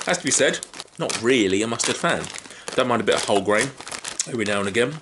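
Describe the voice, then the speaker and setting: At home in his small living room, a British man in his thirties with a fairly low voice reviews chips on camera, chatting casually and unscripted between crunchy bites. The camera sits a short way in front of him, and the only clear background sound is crinkling packets.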